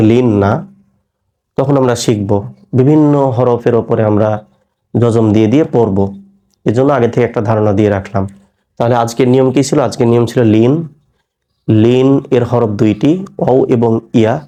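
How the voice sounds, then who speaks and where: A man with a Bangladeshi Bengali accent teaching Quran reading, slowly drilling letter sounds and checking that his students follow. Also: medium pitch, mellow. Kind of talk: recorded reading lesson.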